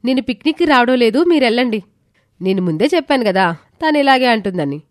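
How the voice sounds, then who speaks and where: A woman performs a stubborn teenage younger sister in an audio story. The voice sits a little high and snaps back with petulant, sharp-tongued retorts. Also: animated, a little fast, dry recording, clean studio sound, close to an everyday voice. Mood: defiant. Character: lively teenage sister, sulky and defiant.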